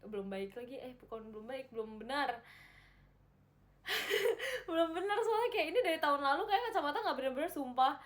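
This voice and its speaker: A woman's voice: high-pitched, sing-song, fairly quick. A young woman chatting casually on a livestream, reading viewer comments, giggling and repeating herself. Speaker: livestream host reading chat.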